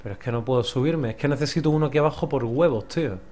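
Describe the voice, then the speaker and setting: A young man with an accent from Spain, commentating a puzzle game as he plays, muttering, swearing and now and then yelling in frustration. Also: medium pitch, rapid-fire. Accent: Spanish from Spain. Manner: swears a lot, mutters to himself, bursts into frustrated yells. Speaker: gameplay commentator. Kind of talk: let's play commentary.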